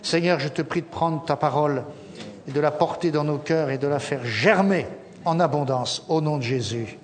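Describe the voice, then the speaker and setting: A middle-aged man preaches a sermon, his voice sitting a bit high for a man. He tells stories in a lively way, acts out what people say and drops in humorous asides. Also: normal speed, slight background noise. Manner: lively storytelling, acting out quotes with humorous asides. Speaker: pastor.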